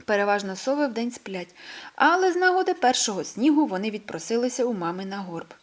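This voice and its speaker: A woman reading a children's story aloud in a gentle, expressive way. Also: a little high, fairly quick.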